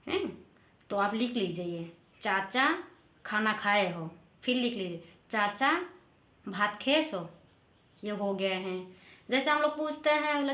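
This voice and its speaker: Woman, casual language lesson, repeats phrases twice, mid pitch, echoey room. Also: pushed and bright. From Assam, India. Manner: repetitive, explains each phrase twice. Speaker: language teacher. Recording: roomy echo.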